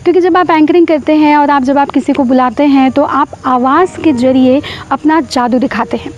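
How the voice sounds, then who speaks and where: Hosting a public speaking tips channel, a woman talks to camera in a high-pitched, darkish voice at normal speed. She explains step by step and restates key points for emphasis. The audio is muffled and washed in long, echoing room reverb.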